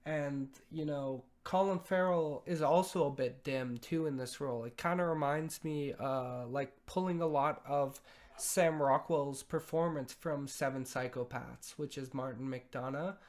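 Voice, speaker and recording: A young man giving a casual spoken film review, hesitant, with lots of pauses and restarts. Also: mid-range voice, fairly even intonation, a little mellow. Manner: hesitant, many fillers and restarts.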